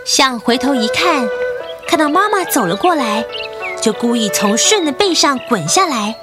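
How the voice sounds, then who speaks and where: A woman's voice: high voice, very animated, moderate pace. Woman narrating a story over music. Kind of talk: scripted storytelling.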